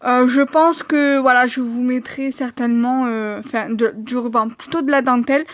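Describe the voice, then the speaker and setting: A woman's voice: high-pitched, fairly even intonation, normal speed, dry recording. A woman vlogger showing her handmade cards in a casual, hesitant way, with many fillers. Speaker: crafting vlogger.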